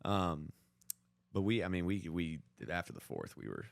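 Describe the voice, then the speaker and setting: Here a young American man co-hosts a podcast, swapping sports stories in a casual, slang-filled way with "like" everywhere. His deep voice is animated and a bit creaky, at normal speed, captured in a dry recording.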